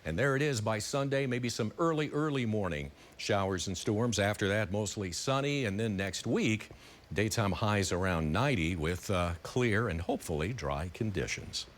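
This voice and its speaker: A man's voice: lowish voice, animated, moderate pace, a little hiss or hum. A man presenting news and weather in a conversational broadcast style.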